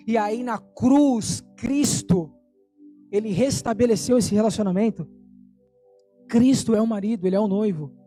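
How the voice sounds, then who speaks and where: Brief: male preacher, warm mellow tone, emphatic sermon delivery, faint music underneath. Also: sits high. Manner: fervent, emphatic, slows down for key points. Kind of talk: sermon with storytelling.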